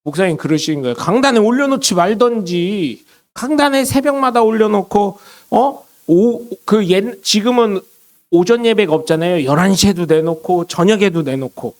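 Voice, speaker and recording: Male pastor, high voice, preaching through anecdotes, acting out the quotes. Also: expressive, moderate pace. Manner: storytelling with acted quotes, swings between loud and hushed. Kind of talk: sermon.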